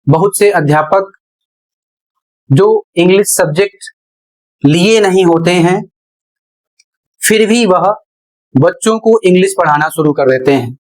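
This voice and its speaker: Male tutor, unhurried and methodical, repeats his points for a classroom lesson. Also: sits high, low-quality recording. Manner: slow, deliberate explaining with repetition. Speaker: English pronunciation teacher.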